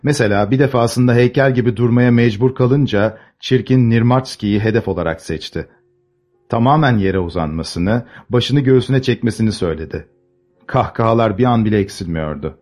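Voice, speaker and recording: A man narrating a classic novel as an audiobook, measured and expressive. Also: mid-range voice.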